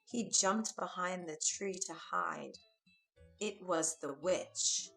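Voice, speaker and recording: A woman narrating a fairy tale for English learners, reading slowly, clearly and expressively. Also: on the low side, a bit bright, soft background music, rough recording.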